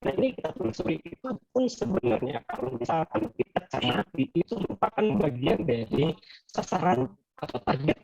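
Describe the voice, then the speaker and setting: A man presenting online to colleagues in a halting way, his voice choppy and breaking up robotically from a bad connection. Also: on the high side, very animated, vocal fry, heavy background noise. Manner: halting, with many fillers. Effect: choppy, breaking-up robotic audio from a bad connection. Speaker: presenter at a school staff meeting. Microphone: video call. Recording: dull lo-fi video call audio.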